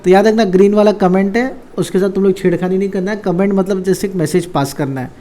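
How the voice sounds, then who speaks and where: A man's voice: high voice, steady tone, quick pace, mellow, slight background noise. Chatty man teaching coding basics. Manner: conversational, keeps quizzing with rhetorical questions. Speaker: programming teacher. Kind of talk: casual coding tutorial.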